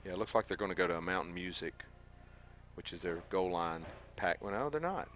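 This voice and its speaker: Male color commentator, deep voice, casual football analysis over faint stadium background noise. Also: animated, brisk, a bit bright. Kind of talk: casual live sports analysis. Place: football stadium broadcast position. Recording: faintly noisy live stadium broadcast. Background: stadium ambience.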